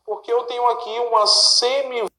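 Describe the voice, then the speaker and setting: A man's voice: extremely high pitch, steady tone, fairly quick, bright, forceful tone. A male teacher walks through exam questions step by step, asking questions and then answering them himself. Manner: asks and answers his own questions, checks in with the listener. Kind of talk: recorded exam-prep lesson. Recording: echoey room.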